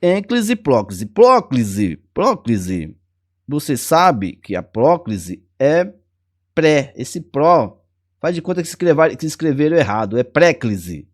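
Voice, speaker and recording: A man's voice: a little high, sing-song, takes it slowly. A man teaching a grammar lesson for an exam, chatty and playful, repeating key words and chuckling often.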